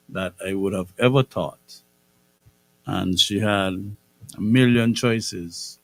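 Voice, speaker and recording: Low-voiced male radio host. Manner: measured, repeats phrases for emphasis. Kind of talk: radio interview. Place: radio studio.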